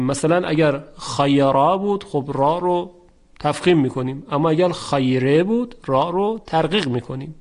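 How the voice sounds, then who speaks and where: A middle-aged man teaching tajweed, explaining the rules slowly and chanting the example words drawn out. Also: fairly high pitch. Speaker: Quran recitation teacher. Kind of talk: tajweed lesson.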